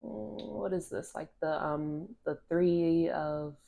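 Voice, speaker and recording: A tarot reader with a low, congested, nasal voice, stuffy from allergies, reads cards straight into her phone camera. Slow, creaky and warm, she rambles casually, restarting phrases and leaning on "like" as she feels her way through each card.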